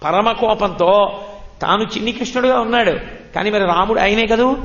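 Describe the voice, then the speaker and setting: A man's voice: sits high, normal speed, a bit bright. A middle-aged man giving a devotional discourse, telling stories, acting out the characters and chanting verses. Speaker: pravachan speaker. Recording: dull lo-fi recording in a reverberant hall.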